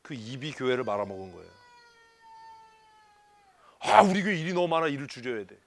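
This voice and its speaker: Male pastor, seminar talk, lively teasing delivery with lots of questions, dry sound. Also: medium pitch, fairly quick, vocal fry, dry recording. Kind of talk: church leadership seminar talk. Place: church hall.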